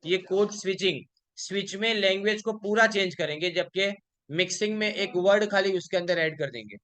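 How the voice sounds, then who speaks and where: High, bright-voiced male lecturer. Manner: explains in mixed Hindi and English, asks questions and answers them himself; reads English examples slowly. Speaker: college lecturer. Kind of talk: exam revision lecture.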